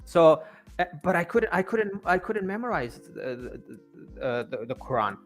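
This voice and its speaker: An Afghan man whose first language is Persian (Farsi) tells his story earnestly as an interview guest. His high, sing-song voice is halting, and he stammers, often repeating words while searching for the next. Soft music plays in the background.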